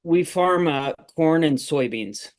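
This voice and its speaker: A man in his forties, a farmer guest on a podcast, talking in a relaxed, rambling way with many fillers. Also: fairly high pitch, takes it slowly. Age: 40s. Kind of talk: casual interview chat.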